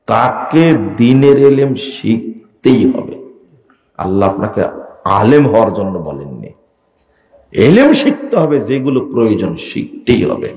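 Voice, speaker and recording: A man preaching a sermon, scolding with rhetorical questions and sudden rises in pitch and volume for emphasis. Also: darkish tone. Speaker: Islamic preacher.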